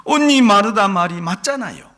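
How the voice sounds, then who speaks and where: A male pastor preaching a sermon, telling stories in an animated way and acting out what people say. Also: sits high, moderate pace. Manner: animated storytelling, acts out quotes.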